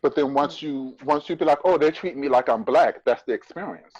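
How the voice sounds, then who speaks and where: A brisk, slightly high and somewhat mellow male voice, with no echo, belongs to an American man in his thirties appearing as a podcast guest. Speaking from home through his phone's front camera on a video call, he is blunt and emphatic in this candid interview, tossing in profanity and sarcastic comebacks. The audio is dry and a bit dull, typical of a video call.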